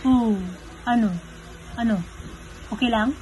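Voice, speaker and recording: A woman, coaxing a baby in soft baby talk that mixes English with her own language. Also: fairly high pitch, level tone, takes it slowly, noisy background. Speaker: caregiver talking to a baby.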